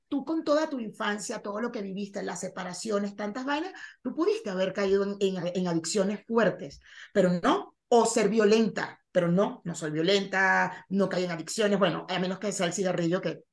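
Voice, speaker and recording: A woman talking as a guest on a podcast over a video call, telling her story in an expressive, frank way. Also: mid-range voice, normal speed. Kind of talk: casual conversation on a video call.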